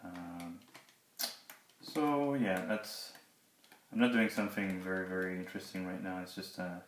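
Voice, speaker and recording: Low, monotone man, hesitant, sore-mouthed. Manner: hesitant, halting, talking awkwardly through a sore mouth after wisdom tooth removal. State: in pain after dental surgery. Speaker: product reviewer, 3D artist. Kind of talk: casual unscripted tablet review and demo. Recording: roomy echo, background hiss and clicks.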